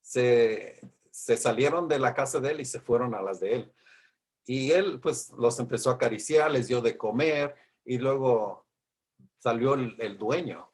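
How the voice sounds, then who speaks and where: A man's voice: medium pitch, a little slow, darkish tone, breathy edge. A man leading a casual Sabbath school lesson discussion, telling a story in a rambling way that keeps repeating "he says". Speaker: Bible study teacher.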